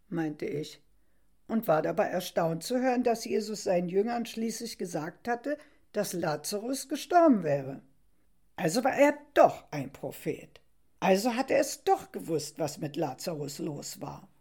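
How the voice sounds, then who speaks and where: A woman narrating a story in the first person, in an expressive, wondering and reflective way. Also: medium pitch, measured pace, breathy edge.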